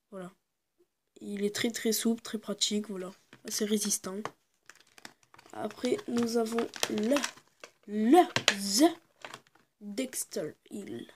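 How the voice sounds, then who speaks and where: A woman casually presenting her fishing lures to the camera, hesitant and full of fillers, sometimes dropping into quiet asides. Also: medium pitch, slight background noise. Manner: hesitant, constant fillers and "voilà"; drops into quiet muttered asides. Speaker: fishing video maker.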